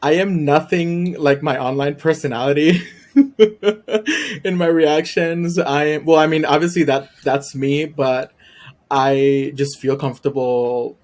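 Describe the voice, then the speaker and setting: Here a podcast guest from Puerto Rico, a YouTube reactor who grew up speaking Spanish, takes part in an easygoing interview. His voice is a touch high, even, and darkish, and he takes his time, hesitating shyly with lots of ums and quiet chuckles.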